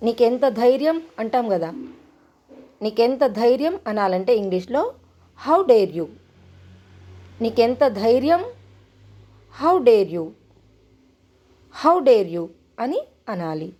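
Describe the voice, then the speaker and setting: Woman English tutor, unhurried drill-style delivery, fairly high and very expressive. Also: dull audio. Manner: repeats each phrase slowly, in Telugu then English. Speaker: English teacher. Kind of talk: spoken English lesson.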